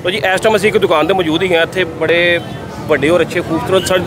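With a high-pitched voice and a steady tone, a man with a Lahori Punjabi accent moves quickly through his lively street vlog in a crowded outdoor market. He addresses his viewers head-on as he tours the stalls, the crowd noise filling the background.

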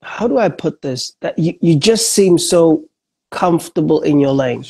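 Middle-aged male podcast host, slightly high voice, friendly, casual, video call. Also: animated, normal speed, a little mellow, slightly rough. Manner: friendly, encouraging, lots of "bro" and "you know". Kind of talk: casual interview chat. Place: indoor room at home.

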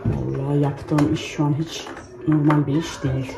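A woman's voice: low voice, flat delivery, moderate pace, vocal fry, very noisy. A woman in her thirties, a mother and home vlogger, chatting casually while she cooks, muttering little asides to herself. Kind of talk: casual vlog chat while cooking. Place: home kitchen.

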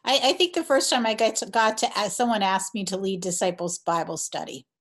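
A woman's voice: mid-range voice, a little fast. A woman on a video call, leading a small group discussion in a friendly, encouraging way. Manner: friendly, encouraging, laughs easily.

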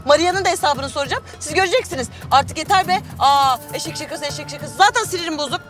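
An actress playing a quick-tongued young wife who scolds in an exasperated, animated way. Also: female voice, high-pitched, music in the background, natural voice. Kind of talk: TV comedy-drama acting.

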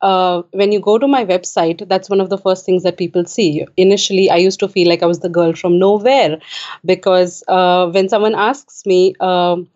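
A woman's voice: lowish voice, fairly even intonation, moderate pace, darkish tone, lo-fi sound. A woman from Kuwait, an author being interviewed, speaking hesitantly with frequent filler sounds. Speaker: author and guest. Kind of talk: casual interview talk. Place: home in Richmond.

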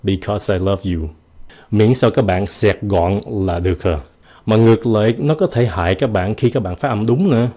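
A man giving a casual, joking pronunciation lesson, slowing down to stretch out the example words. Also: fairly low pitch, dark tone. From United States. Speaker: English pronunciation teacher.

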